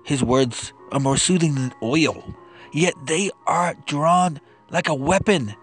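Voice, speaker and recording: A man reads scripture as dramatized biblical narration, solemn and impassioned. His voice sits somewhat high for a man and moves at a slow, weighty pace, with music playing behind it. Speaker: scripture reader.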